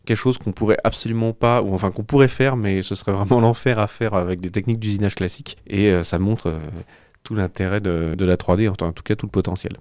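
Low-voiced hesitant man on a dry mic. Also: fairly even intonation, quick pace, darkish tone, clean tone, no echo. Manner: hesitant, many fillers and restarts. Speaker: podcast co-host reading a tech press review. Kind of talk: casual podcast chat.

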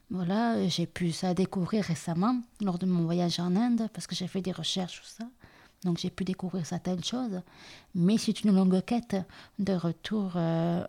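Soft, hesitant woman in her thirties. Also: lowish voice, vocal fry. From southern India, raised in France. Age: 30s. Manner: hesitant, many fillers and restarts, soft-spoken. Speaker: interviewee. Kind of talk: personal testimony.

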